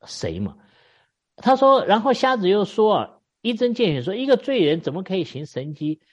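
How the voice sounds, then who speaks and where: A man preaching an expository sermon, telling the story with lively exclamations and wry asides. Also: on the high side. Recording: dull lo-fi recording.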